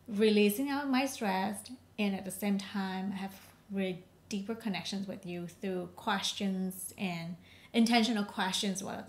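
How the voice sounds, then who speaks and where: Vietnam-born woman, earnest and halting. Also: medium pitch. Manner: warm, earnest, slightly halting phrasing. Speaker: podcast co-host. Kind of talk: casual chat.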